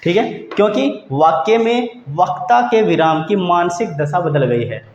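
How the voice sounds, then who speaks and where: Male teacher with a high voice, explaining patiently and repeating himself, in a roomy room on a dull, lo-fi recording. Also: lively intonation, a little slow, darkish tone, slight background noise. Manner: repeats key points, asks and answers own questions, says "theek hai" often. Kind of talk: explanatory grammar lesson.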